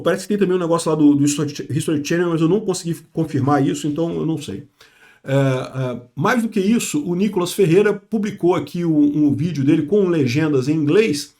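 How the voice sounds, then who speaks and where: A man's voice: sits high, darkish tone. A man giving opinionated political commentary, talking with many fillers and restarts. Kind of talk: casual commentary monologue.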